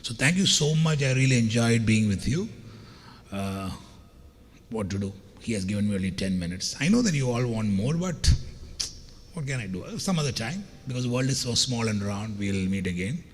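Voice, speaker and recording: Giving a motivational keynote, a middle-aged Indian man with a scratchy voice jokes, chats, shares anecdotes and speaks directly to the audience. He is animated, at a medium pitch and normal speed. The recording has long reverb from the hall, plus faint background noise.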